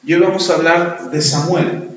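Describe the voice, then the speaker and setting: A pastor preaching a sermon, retelling a story and acting out both sides of the dialogue. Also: male voice, on the high side, moderate pace. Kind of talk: sermon with retold anecdote. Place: church. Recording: echoey church hall, dull lo-fi sound.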